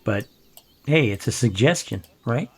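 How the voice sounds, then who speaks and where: An older man with a naturally low, slightly breathy voice hosts a gameplay video. As he builds, he muses to himself in unhurried, relaxed let's-play commentary.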